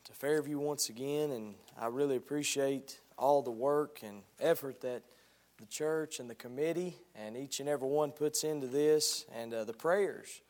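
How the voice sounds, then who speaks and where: His medium-pitched voice is darkish and a little hoarse as this man, preaching as a guest, starts with hesitant remarks. Reading from scripture, he works up to a rising preaching cadence.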